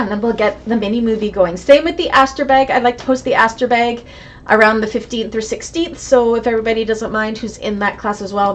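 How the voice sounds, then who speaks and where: This sewing instructor speaks at a medium pitch over a faint background hiss or hum. She runs a live online class, responding to viewer comments in a chatty, upbeat, encouraging way.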